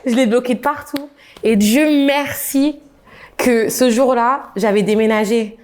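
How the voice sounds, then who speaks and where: A young adult woman casually telling a personal story to camera, in an animated way that acts out the dialogue. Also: a little high, a little slow.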